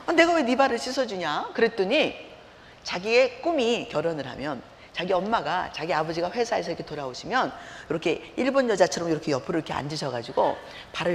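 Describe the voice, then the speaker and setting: A middle-aged woman preacher giving a sermon woven with personal stories, acting out scenes as she tells them. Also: lowish voice. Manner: animated storyteller, acts out scenes. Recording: reverberant hall, faint background noise.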